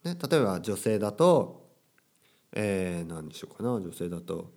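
A man's voice: sits low, sing-song, normal speed, warm tone. A young man teaching casually, with playful quotes of characters and phrases. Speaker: Japanese teacher. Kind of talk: casual language lesson.

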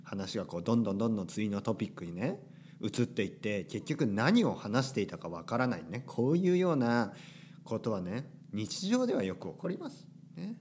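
A man's voice: lowish voice, sing-song, brisk, darkish tone, a little hiss or hum. A man in his thirties hosting a Japanese-learning podcast, talking unscripted and rambling off topic at home while the washing machine runs. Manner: rambling, drifts off topic, tags sentences with "ne". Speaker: podcast host teaching Japanese. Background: washing machine running.

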